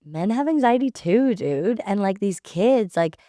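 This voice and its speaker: A young woman guest on a casual podcast, bubbly and animated, telling stories and acting out playful voices. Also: mid-range voice, measured pace, no room sound, studio quality. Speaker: guest, cliff diver.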